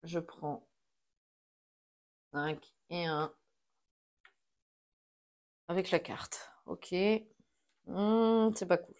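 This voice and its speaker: A woman's voice: lowish voice, drawn-out words, pauses often, darkish tone. A woman talking herself through a solo board game, placing cards and counting pieces aloud in a casual running commentary.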